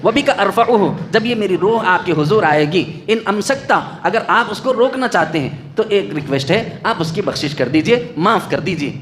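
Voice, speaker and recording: Preacher guy, pretty high voice, repeats lines in a rhythm, quotes arabic prayers, little hiss behind. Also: animated, few pauses, fairly bright tone. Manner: rhythmic repeated phrases, recites Arabic supplications, chuckles often. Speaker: Islamic preacher. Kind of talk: Urdu sermon.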